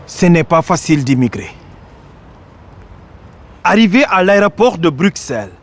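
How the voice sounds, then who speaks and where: An actor from Casamance, Senegal, delivers a theatrical monologue, declaiming every phrase with dramatic pauses. His voice is high for a man, and he goes slowly so each line can land.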